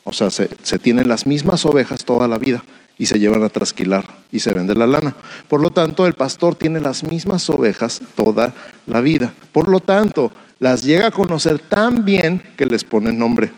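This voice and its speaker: A man's voice: mid-range voice, expressive, normal speed, rough recording. A man preaching a sermon to pastors, repeating refrains and putting rhetorical questions to his listeners.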